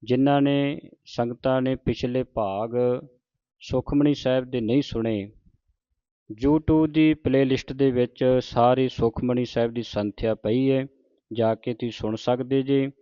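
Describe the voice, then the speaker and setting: A man teaching scripture recitation line by line, slowly chanting each verse and correcting pronunciation. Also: medium pitch, steady tone, dark tone, clean tone, no room sound. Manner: slow, deliberate, corrects pronunciation. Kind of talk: slow line-by-line recitation lesson. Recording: dull lo-fi dry recording.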